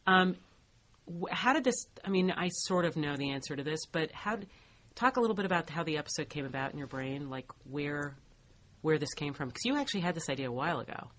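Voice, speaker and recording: A woman with a low voice speaks as a podcast co-host. She is casual, agreeable and enthusiastic, talking conversationally over some faint background noise. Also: expressive, fairly quick, a bit bright.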